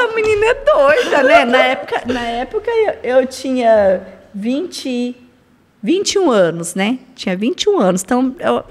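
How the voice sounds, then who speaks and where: Brazilian woman in her forties, podcast guest, chatty, laughing storyteller, slightly high voice. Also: big-room sound. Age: 40s. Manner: animated, laughing as she tells it. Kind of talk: casual storytelling.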